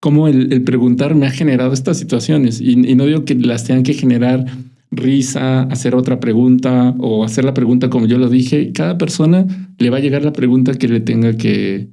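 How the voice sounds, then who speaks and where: Reflective man with a gravelly voice. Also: medium pitch, steady tone, a little fast, mellow. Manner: reflective, hesitant, many restarts and fillers. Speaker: podcast host. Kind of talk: casual spiritual conversation.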